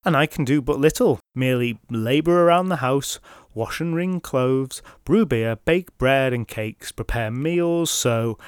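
A man voicing a tall, strong young woman who lists what she can do in a plain, steady, matter-of-fact way. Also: medium pitch, clear, resonant tone, no echo, clean studio sound, close to an everyday voice.

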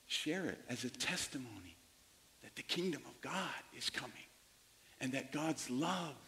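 A male pastor addresses his congregation in a sermon, laying out his phrases deliberately with pauses between them. His mid-pitched voice carries a long hall reverb. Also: gravelly.

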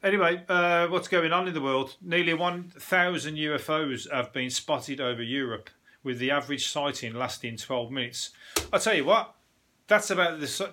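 Bright-voiced rambling man podcasting. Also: on the high side. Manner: rambling, self-deprecating, swears casually. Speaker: podcast host. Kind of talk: casual solo podcast chat. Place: at home.

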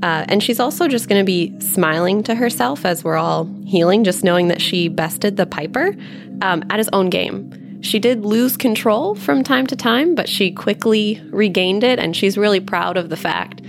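A woman playing a tabletop game, describing her character in a relaxed, casual way. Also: mid-range voice, moderate pace, creaky. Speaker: player. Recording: music bed under voice.

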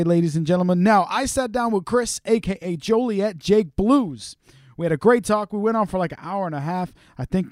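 Enthusiastic high-voiced man hosting a podcast. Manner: enthusiastic, gushing. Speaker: podcast host and musician. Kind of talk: casual podcast talk.

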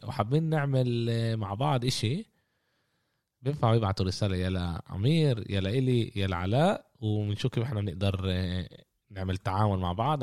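A man with a Palestinian Arabic accent hosting a casual sports podcast, often halting and searching for words. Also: lowish voice, darkish tone, dry recording, studio quality. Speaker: podcast host.

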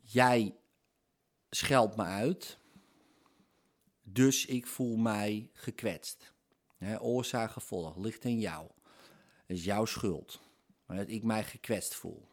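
A man's voice: fairly low pitch, slow, long pauses. Conversational man explaining step by step. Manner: conversational, works through everyday examples, frequent tag questions. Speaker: speaker explaining hypnosis. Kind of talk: explanatory monologue.

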